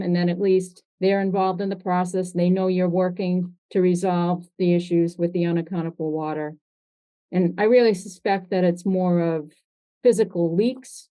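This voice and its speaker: A woman giving a measured technical report at a town water commission meeting, with frequent fillers. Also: fairly low pitch, warm tone.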